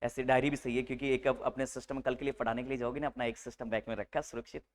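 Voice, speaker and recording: A man teaching a live nursing class to a room of students, lively and teasing, mixing English medical terms into his speech. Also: medium pitch, rapid-fire. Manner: animated, teasing, mixes Hindi with English terms.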